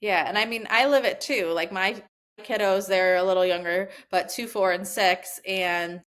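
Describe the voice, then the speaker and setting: A woman's voice: medium pitch, fairly even intonation, normal speed, fairly bright tone. A woman in her thirties, a podcast guest, chatting casually and giving practical travel tips with many "like" fillers.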